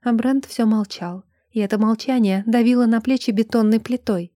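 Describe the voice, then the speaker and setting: Mellow-voiced woman narrating an audiobook. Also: fairly high pitch, no echo, clean studio sound. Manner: even, measured storytelling. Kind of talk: scripted narration of a romance fantasy novel.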